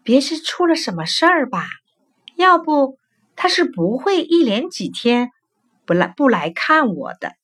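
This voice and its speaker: A woman's voice: high voice, sing-song, unhurried, a bit bright, husky, exaggerated voice. A woman voicing an anxious, kind-hearted blind male river clam who talks eagerly. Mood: worried. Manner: eager, exclaiming.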